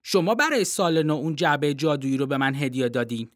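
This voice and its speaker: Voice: mid-range voice, dry recording, studio quality, lightly acted. A storybook reader voicing an earnest, argumentative young schoolboy, pleading and defensive. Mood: insistent. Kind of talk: storybook reading.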